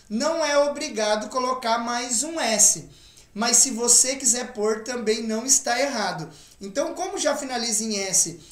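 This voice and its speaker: A woman's voice: fairly high pitch, reverberant. A woman with a Brazilian Portuguese accent teaching an online English lesson. She explains patiently, step by step, and often checks that the learner is following.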